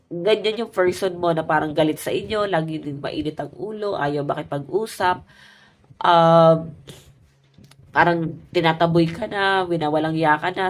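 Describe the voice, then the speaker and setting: A woman giving a casual love tarot reading, chatty and talking straight to her viewers, her voice stuffy and nasal from a cold. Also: sits low. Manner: chatty, addresses viewers as guys. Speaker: tarot reader.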